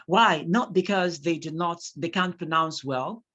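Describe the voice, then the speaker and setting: A Nigerian instructor whose first language is Yoruba lectures a class in English with a Nigerian accent, unhurried and medium-pitched. He's animated and repeats key points for emphasis, and the sound is lo-fi.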